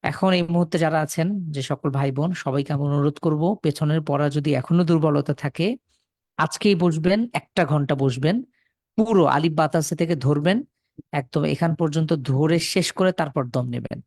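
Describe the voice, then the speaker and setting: A man's voice: a little high, normal speed, darkish tone, clean studio sound. A man from Bangladesh teaching Quran reading in a live online class, patiently repeating rules and sounding out syllables for students to echo over a computer mic.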